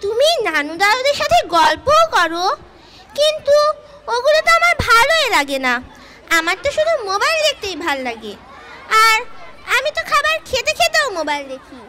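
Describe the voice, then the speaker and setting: Very noisy recording of a children's puppet show. A goofy little kid puppet pipes up in an extremely high voice. The delivery is naive and excitable, swinging up and down through exaggerated questions. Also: female voice, moderate pace. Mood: excited, defiant.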